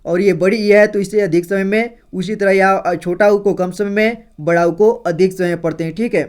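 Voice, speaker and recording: A man's voice: high voice, fairly even intonation. A man teaching Hindi syllables, explaining patiently and reciting them one by one, checking in with listeners as he goes. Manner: slow, repetitive, often adds "theek hai" and calls viewers friends.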